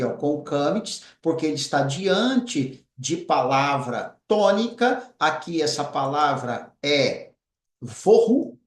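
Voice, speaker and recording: A man teaching a recorded lesson, patiently repeating words slowly as he writes. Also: on the high side, reverberant. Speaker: Biblical Hebrew teacher.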